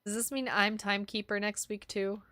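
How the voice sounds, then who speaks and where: A woman's voice: medium pitch, fairly even intonation, brisk, pushed and bright, dry recording, studio quality. A woman chatting casually and playfully while gaming on a livestream. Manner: playful, bantering. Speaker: livestream gamer.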